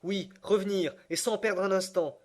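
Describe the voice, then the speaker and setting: A man's voice: high-pitched, steady tone, normal speed, pitched above the performer's own voice, natural voice. Desperate young explorer, urgent and begging, man reading him in an audiobook. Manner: pleading, urgent.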